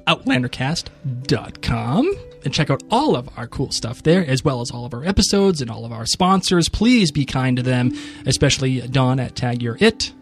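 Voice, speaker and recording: Excitable man co-hosting a podcast. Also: mid-range voice, soft background music. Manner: excitable, joking, rushed. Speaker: podcast co-host. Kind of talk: casual podcast outro with sponsor read.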